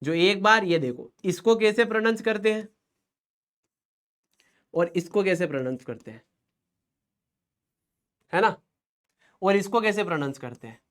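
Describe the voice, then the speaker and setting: High-voiced playful male tutor. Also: animated, unhurried, long pauses, a bit bright. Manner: playful, chatty, jokes with students between quiz polls. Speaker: online class teacher. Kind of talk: live online chemistry class.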